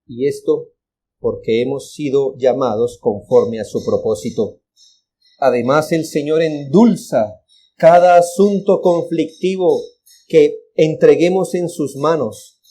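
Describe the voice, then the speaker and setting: Hombre predicando con voz oscura. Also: male voice, on the high side, mellow. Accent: Colombian Spanish. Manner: earnest, exhorting, repeats for emphasis. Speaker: pastor. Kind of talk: sermon.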